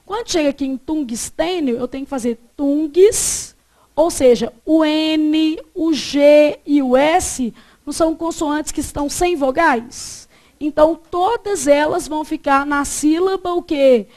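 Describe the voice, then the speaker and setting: A Brazilian woman teaching a Portuguese grammar class. She quizzes the class with questions and answers them herself, and she dictates each rule slowly and repeats it. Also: high voice, a little mellow.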